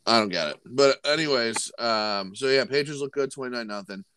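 A man's voice: mid-range voice, brisk, fairly bright tone, a little hiss or hum. A man co-hosting a sports podcast in casual chat, often restarting his sentences. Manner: repetitive, stumbling restarts. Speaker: podcast co-host.

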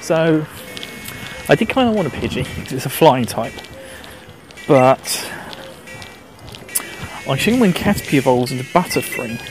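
A male gaming host with a mild Essex English accent and an average-pitched voice. He rambles casually through his commentary, chatting to himself as he plays. Music runs clearly behind him. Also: very animated, measured pace, pauses often, rough recording. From Essex, England. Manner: chatty, talking to himself while playing.

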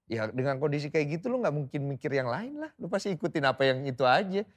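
A young man chatting casually as a podcast guest, telling an animated story full of mouth sound effects. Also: fairly high pitch, fast talker, dry recording.

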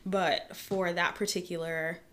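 A woman guest, a fabric designer, telling her story in an animated, chatty way during a casual interview. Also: on the low side, a little slow.

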